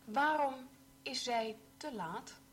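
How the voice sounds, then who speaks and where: Female drill reader: very slow, even, careful delivery, slightly high. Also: a little hiss or hum. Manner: slow, evenly pronounced sentences. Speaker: language teacher reading examples. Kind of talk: slow read-aloud language drill.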